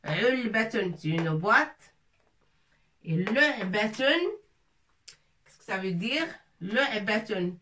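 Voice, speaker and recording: A woman's voice: mid-range voice, expressive, slow pace, pauses often, sharp tone, distant mic, slight background noise. A woman teaching a lesson, patiently repeating each word and breaking it into syllables. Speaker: Arabic teacher. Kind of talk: slow spelled-out language lesson.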